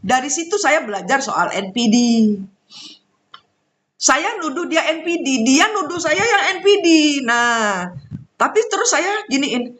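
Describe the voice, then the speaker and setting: Bright, high-voiced woman telling stories. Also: a little slow. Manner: animated, laughs often, mixes in Javanese and English. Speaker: spiritual talk host. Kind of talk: casual spiritual storytelling monologue.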